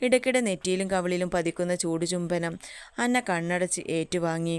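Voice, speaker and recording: A woman reads a romance story aloud at a steady, even pace. Her voice sits lower than most women's. It sounds exceptionally smooth and clean. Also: normal speed. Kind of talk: scripted story narration.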